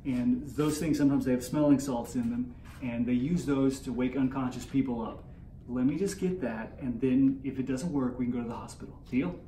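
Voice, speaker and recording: A man's voice: medium pitch, brisk, warm tone. A man reading his lines loosely at a casual rehearsal, often joking and laughing. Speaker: actor in a rehearsal. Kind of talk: casual rehearsal read-through. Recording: roomy, distant with faint noise.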